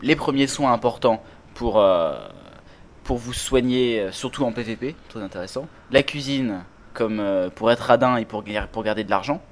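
A man's voice: mid-range voice, moderate pace. Chatty man hosting a gaming podcast. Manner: chatty, many fillers and self-corrections. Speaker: podcast host. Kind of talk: casual gaming podcast chat.

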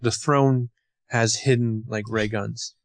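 A man's voice: medium pitch, steady tone, slow pace, no room sound. A man co-hosting a casual film discussion, informal and opinionated. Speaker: podcast co-host.

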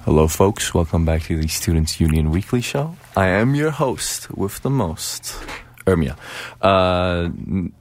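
A man's voice: deep voice, lively intonation, unhurried, a little hiss or hum. A young man hosting a student radio show, chatting casually in a rambling, jokey way with lots of restarts. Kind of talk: casual chat.

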